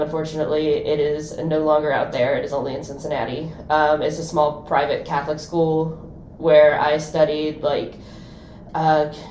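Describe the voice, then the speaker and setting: A young woman from Ohio co-hosting a casual podcast, with dry, deadpan humor. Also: sits low. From Ohio, USA. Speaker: podcast co-host. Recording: roomy, faint background noise.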